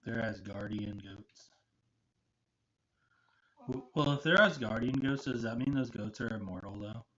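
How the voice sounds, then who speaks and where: A man's voice: fairly low pitch, unhurried, pushed and bright. A man streaming a video game, chatting casually and rambling with lots of fillers and restarts. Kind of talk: casual gaming chat. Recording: muffled with faint noise.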